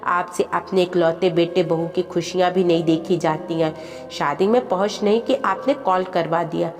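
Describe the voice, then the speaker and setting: A woman reading the part of an angry young wife who loudly scolds her mother-in-law in a storybook tale, with music and reverb behind. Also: lowish voice, fairly even intonation, moderate pace, lightly acted. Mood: scolding. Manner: loud, scolding. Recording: long reverb with background music.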